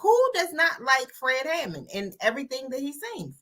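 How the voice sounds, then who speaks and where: American woman cohost, bright sharp highish voice, playful n teasing, just chatting. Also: wildly swooping pitch, moderate pace. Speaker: co-host. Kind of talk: casual chat.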